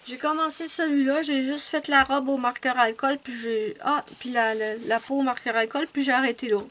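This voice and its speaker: A woman's voice: high voice, steady tone, normal speed, fairly bright tone, a little hiss or hum. A woman chatting casually as a coloring vlogger, rambling and correcting herself as she thinks aloud. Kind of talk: casual show-and-tell chat.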